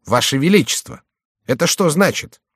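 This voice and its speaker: A man's voice: mid-range voice, big pitch swings, normal speed, no room sound, studio quality, voice pushed up. A man voicing a sly, mocking court jester who mutters wryly to himself, in an audiobook reading. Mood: puzzled. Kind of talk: audiobook character voice.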